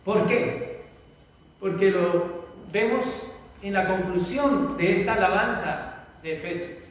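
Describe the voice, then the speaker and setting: A man's voice: high voice, slow pace. A male pastor preaching a fervent sermon, stretching out his emphatic phrases. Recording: echoey hall from far off.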